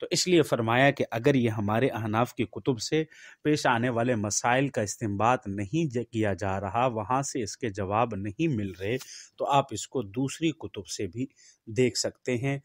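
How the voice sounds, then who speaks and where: A middle-aged man teaching Islamic jurisprudence, reciting Arabic rules slowly and explaining them. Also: mid-range voice, no echo, clean studio sound. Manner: slow, deliberate recitation of Arabic texts, then explaining in Urdu. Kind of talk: religious lecture.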